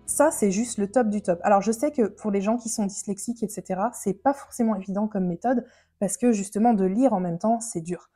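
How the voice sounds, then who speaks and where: A woman's voice: mid-range voice, brisk, dark tone, breathy edge, faint music behind. A woman vlogger answering viewer questions in a chatty, slangy way, often laughing. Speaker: lifestyle vlogger. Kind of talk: casual Q&A chat to camera.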